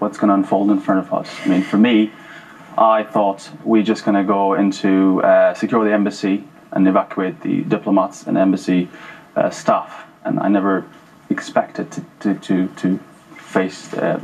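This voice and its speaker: A man in his thirties, originally from Afghanistan, sits on a television studio sofa and answers an interviewer through a lapel mic. His voice is low and husky, and he speaks haltingly, repeating words as he searches for them. His pitch stays flat throughout. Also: low-quality recording. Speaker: former paratrooper guest.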